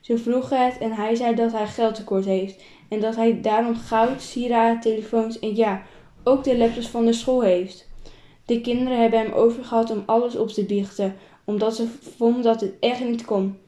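A woman's voice: a little high, steady tone, normal speed, warm tone, reverberant. A woman reading a self-written story aloud, plainly and with small repeats and restarts.

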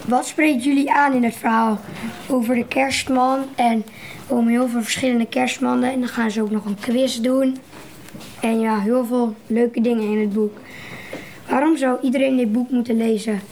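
Little girl chatting about her fave book, bit high, quiet noise behind. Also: fairly even intonation, normal speed, low-quality recording. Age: child. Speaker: podcast co-host. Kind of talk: casual book chat.

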